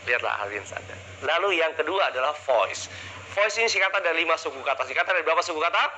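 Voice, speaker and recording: A man's voice: on the high side, expressive, racing, sharp tone, a little hiss or hum, poor audio. A man leading a live public speaking seminar, energetically drilling the audience with call-and-response questions into a handheld mic. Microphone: handheld microphone.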